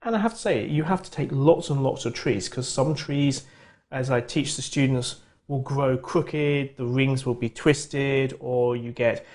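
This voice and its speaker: A middle-aged man, a geography professor, explaining his field in lively lecturing bursts with quick restarts. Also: medium pitch. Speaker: geography professor, interview guest. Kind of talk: conversational expert explanation.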